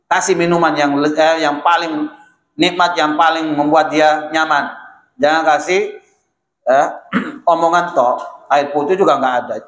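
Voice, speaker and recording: A man preaching a lively, chatty sermon in a mosque, often addressing listeners directly. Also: fairly high pitch, unhurried, pauses often. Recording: echoey mosque hall.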